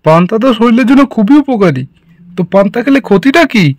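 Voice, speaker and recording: A man's voice: high voice, animated, fast, darkish tone, no room sound, clean studio sound. A man voicing an obliging village food-stall keeper in a doll-story cartoon, chatty and eager to serve. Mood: teasing.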